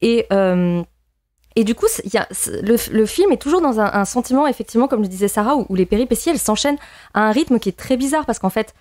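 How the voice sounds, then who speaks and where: A woman's voice: fairly high pitch, animated, fast, a little mellow, no room sound, studio quality. A woman in a casual film discussion, analytical and opinionated, often repeating words as she works out her point.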